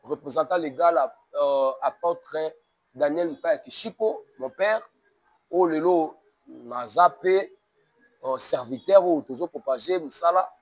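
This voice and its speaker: An expressive man from DR Congo with a slightly high voice speaks unhurriedly, his interview sounding like a sermon in its emphatic cadence. He mixes Lingala into his French, which carries a Congolese accent.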